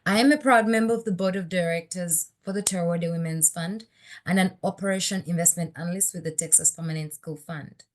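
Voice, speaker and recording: A woman's voice: fairly low pitch, brisk, a little hiss or hum. A woman from Uganda, a board member, reading a prepared speech at a virtual event and introducing the next speaker. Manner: formal, reading a prepared speech with small slips.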